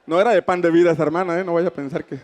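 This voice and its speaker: A man's voice: fairly high pitch, fairly even intonation, rapid-fire, a little mellow. A man preaching a sermon, fervent and declamatory, raising his voice for emphasis. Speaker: pastor.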